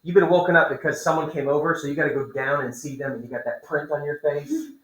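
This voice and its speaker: A man's voice: a little high, steady tone, fast talker, a bit bright, reverberant, poor audio. A male teacher reading a story aloud to his class and breaking off for playful, chatty asides to the students.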